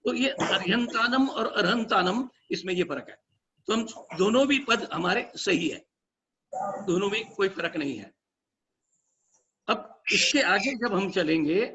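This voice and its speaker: A man's voice: high voice, sharp tone, lo-fi sound, a little hiss or hum. A man giving a religious lesson, patiently explaining prayer pronunciation, repeating himself and chanting short prayer phrases. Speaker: religious teacher.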